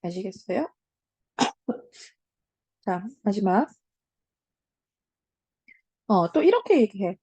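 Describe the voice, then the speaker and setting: A woman teaching grammar in an online lecture to high school students, often asking "right?" and filling pauses with "so" and "um". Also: very animated, warm tone, husky, no echo. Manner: fills pauses with "자" and "음", asks the class check questions.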